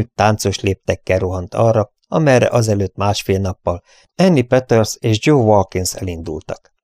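A man narrating an adventure novel as an audiobook, in a steady storytelling manner with dramatic lifts. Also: on the low side, no room sound, clean studio sound.

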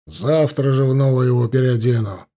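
A man's voice: mid-range voice, moderate pace, mellow, close to an everyday voice. A man voicing an older veteran sergeant, servile to officers and grumbling among his own.

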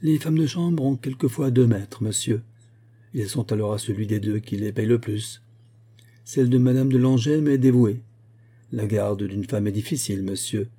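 A man voicing a stern, commanding older husband in an audiobook reading, measured and cold. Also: fairly low pitch, mellow, husky. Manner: impérieux, measured.

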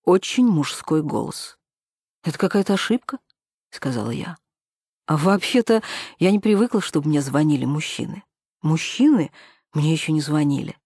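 A woman narrating a first-person story for an audiobook in an ironic, expressive manner. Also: sits low, moderate pace, breathy edge, no echo, studio quality.

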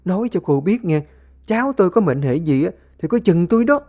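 A storyteller voicing a cruel, domineering older mother-in-law who scolds and shouts. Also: medium pitch, lively intonation, quick pace, voice pushed up, close to an everyday voice. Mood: scolding.

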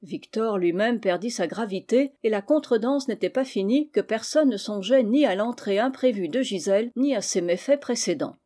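A woman narrating a classic novel as an audiobook, with measured, clear phrasing. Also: mid-range voice, lively intonation, warm tone. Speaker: audiobook reader.

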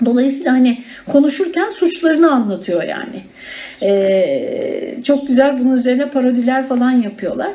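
A woman's voice: high-pitched, lively intonation, normal speed, dark tone, lo-fi sound. A woman teaching a religious study circle in a conversational way, often turning to her listeners as friends. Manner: conversational, addresses listeners as friends, many fillers.

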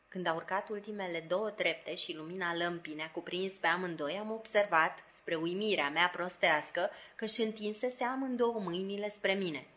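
Woman reading a novel aloud, bright voice. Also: fairly low pitch. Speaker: audiobook reader. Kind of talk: literary audiobook narration.

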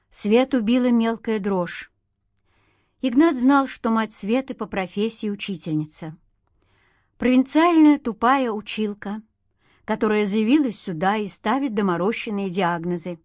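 A woman reading a novel as an audiobook narrator, steady and expressive, recorded on a close studio mic. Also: medium pitch, a little slow, dry recording.

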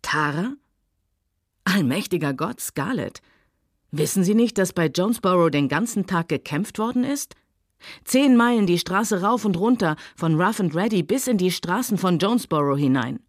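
A woman reading a novel aloud, voicing a worldly, sardonic Southern gentleman who speaks coolly and mockingly. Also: lowish voice, expressive, moderate pace, no echo, clean studio sound. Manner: sardonic, cool, later soft and soothing.

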